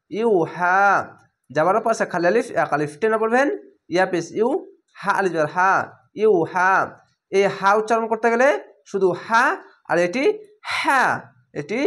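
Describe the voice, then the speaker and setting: A man with a Bengali accent teaching Quran reading, spelling out syllables slowly and drawing out the vowels. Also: high-pitched, a bit bright. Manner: slow, syllable by syllable, drawn-out vowels. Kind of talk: slow spelled-out recitation lesson.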